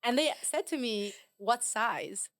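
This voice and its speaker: A woman, a podcast guest who tells anecdotes in a lively way and often laughs. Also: fairly high pitch, slow pace, slight background noise. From England. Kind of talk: casual podcast interview.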